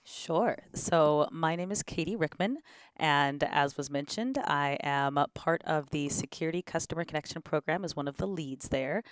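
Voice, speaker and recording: Woman guest, low smooth voice, friendly and playful, dry headset sound. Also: moderate pace, dry recording. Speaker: program lead, guest. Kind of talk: casual interview chat. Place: conference room. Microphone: headset mic.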